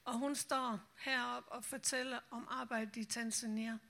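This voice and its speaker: Lively woman telling her faith story. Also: a little high, vocal fry. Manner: lively storyteller, acts out remembered voices. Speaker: missionary sharing her calling. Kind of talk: personal testimony told to a church meeting. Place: church meeting room.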